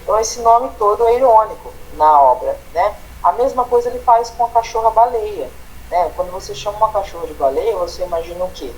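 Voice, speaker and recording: A man's voice: sits high, animated, brisk, a little hiss or hum, rough recording. Brazilian man teaching a grammar lesson. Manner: explanatory, tags phrases with "né?" and "tá?".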